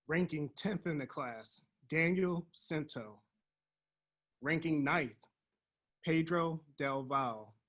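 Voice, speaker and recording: A man reads out the class rankings at a graduation, one name at a time. He speaks very slowly, and his voice is bright and slightly high. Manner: slow, measured announcing. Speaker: assistant principal. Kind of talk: reading out honors.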